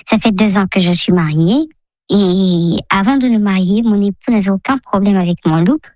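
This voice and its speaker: A woman's voice: medium pitch, normal speed, darkish tone, dry recording, studio quality. Woman, digitally disguised voice. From DR Congo. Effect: voice changer, digitally disguised voice. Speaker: listener leaving a voicemail question. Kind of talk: personal testimony in a recorded message.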